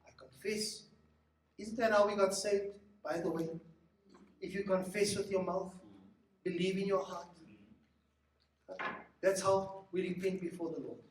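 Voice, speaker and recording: A man's voice: high voice, fairly even intonation, unhurried, long pauses, a little hiss or hum. A man preaching a sermon on marriage, emphatic and acting out what spouses say to each other. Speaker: pastor. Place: church hall. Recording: echoey hall, mic from a distance.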